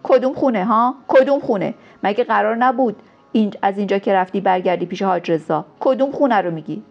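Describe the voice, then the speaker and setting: A proud young man from a storybook romance, as a woman reader puts him on, stern and insistent. The voice has a gravelly edge. The recording is dull and lo-fi. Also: medium pitch.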